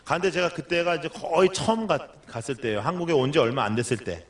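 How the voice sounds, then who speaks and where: A man's voice: on the high side, animated, fast. A middle-aged male pastor preaching a sermon, telling a story and acting out the lines of the people in it.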